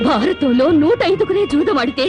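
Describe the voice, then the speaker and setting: Bitter wronged wife, very high voice, tearful reproach, loud film score behind. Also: female voice, lively intonation, brisk. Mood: reproachful. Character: wronged young wife, bitter and grief-stricken. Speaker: film actress. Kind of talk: film melodrama acting. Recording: film soundtrack music behind.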